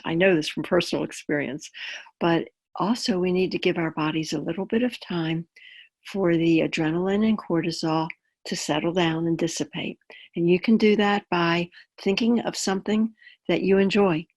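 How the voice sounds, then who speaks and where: A woman leading a grounding exercise as an instructor, speaking in a calm, gentle, instructive way with a husky voice. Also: fairly low pitch, normal speed. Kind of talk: guided grounding exercise with explanation.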